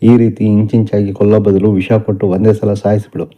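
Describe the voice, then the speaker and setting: A man's voice: fairly low pitch, flat delivery, a little fast, dark tone, lightly acted. A man voicing a distraught young wife and teacher, angry and tearful, in a plain reading voice. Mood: bitter. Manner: plain reading voice, barely changed for the character. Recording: dull lo-fi recording.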